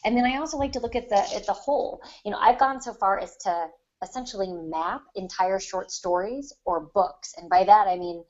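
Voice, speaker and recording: Speaking a little fast at medium pitch, a woman discusses the craft of writing on a podcast panel in a relaxed, reflective way, going into long explanations. The sound is lo-fi.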